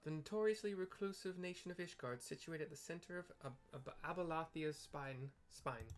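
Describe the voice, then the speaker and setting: A man narrates a video game while playing, switching between reading aloud and frank, casual commentary that includes some swearing and stumbles. His voice is a little high and moderately paced, with clear background noise in the recording.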